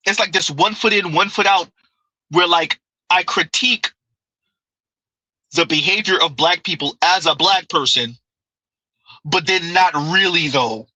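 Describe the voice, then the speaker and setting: Hosting a live stream, a man reads viewer comments out loud and answers them in rambling, conversational talk, often looping back with "right?" and laughing a lot. His voice sits high, bright and forceful, unhurried with long pauses, and the recording is dry and rough.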